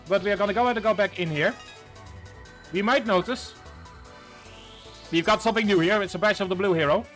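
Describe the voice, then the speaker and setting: A man chatting through a game stream, rambling and breaking off mid-thought. His voice sits a touch high. Soft game music plays underneath. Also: brisk. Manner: chatty, rambling, self-interrupting. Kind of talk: casual gameplay commentary.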